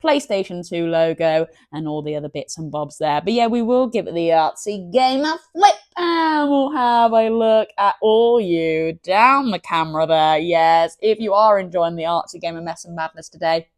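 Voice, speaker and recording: A woman's voice: on the low side, moderate pace, few pauses, a little mellow, no room sound. A woman hosting a gaming channel, chatting enthusiastically about box art and often stumbling over her words. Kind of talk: casual unboxing commentary.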